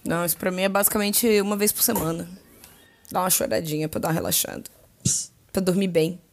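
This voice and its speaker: A woman with a Brazilian Portuguese accent co-hosting a podcast, talking frankly and jokingly, quick to interject. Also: on the low side. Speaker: podcast co-host. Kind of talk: casual chat.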